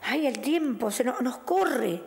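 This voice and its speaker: Still getting her voice back after losing it, this middle-aged tarot reader speaks in a high, darkish voice with vocal fry, slow yet animated. She hosts a fortune-telling show in Rioplatense Spanish, warm and chatty with the caller, whom she addresses as "mi cielo" and "querida."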